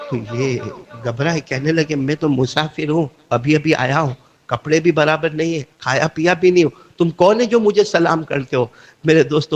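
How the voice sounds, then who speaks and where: A man preaching with a high, lifted voice. He tells the story dramatically, voicing each character's lines and calling out to the congregation to draw them in. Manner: dramatic, acts out dialogue, calls out to listeners. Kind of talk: Urdu sermon storytelling.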